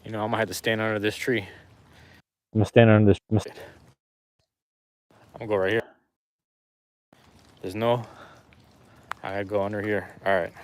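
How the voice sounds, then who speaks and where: He speaks on the low side with a level, clean tone, fairly quick but with long pauses. The setting is a phone-camera livestream outdoors in light rain, where he chats with viewers in a loose, slangy, repetitive ramble, completely laid-back.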